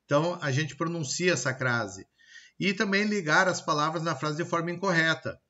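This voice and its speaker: A man with a Brazilian Portuguese accent teaching a recorded grammar lesson, checking in with "tá?" and sounding out example words slowly. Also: fairly high pitch, pushed and bright, highs cut off. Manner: explanatory, pausing with frequent "tá?" and "ok?" checks; slow, deliberate word-by-word example pronunciations.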